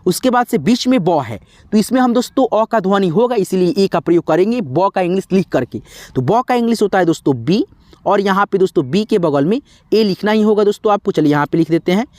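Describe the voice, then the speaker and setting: High-voiced patient male teacher. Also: expressive, a little fast, a little mellow, no echo. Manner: patient, repetitive, addresses viewers as friends. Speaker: English teacher. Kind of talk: spelling lesson in Hindi.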